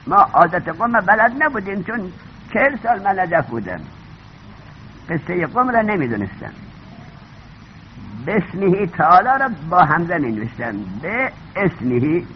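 Older man teaching, animated and lively. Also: fairly high pitch, lo-fi sound, a little hiss or hum. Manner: animated, conversational teaching with anecdotes and asides. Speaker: seminary teacher. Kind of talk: classroom lecture on Arabic grammar.

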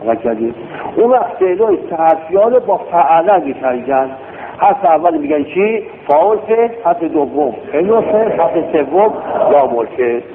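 A man's voice: fairly high pitch, very animated, noisy background. A man teaching a classroom grammar lesson, drilling words and quizzing his class. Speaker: religious studies teacher. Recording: tinny phone-like lo-fi recording.

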